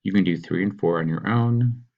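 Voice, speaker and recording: A man teaching, patiently talking students through a worksheet and sounding out words slowly. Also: deep voice, creaky, lo-fi sound. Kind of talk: recorded classroom walkthrough.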